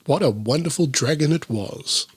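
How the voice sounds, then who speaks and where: Dude reading a kids book out loud n snarking at it, kinda highish voice, dry close sound. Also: male voice, moderate pace, slightly rough, no room sound. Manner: deadpan, sarcastic, swears in asides. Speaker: storyteller reading a children's book aloud. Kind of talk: comedic read-aloud with sarcastic asides.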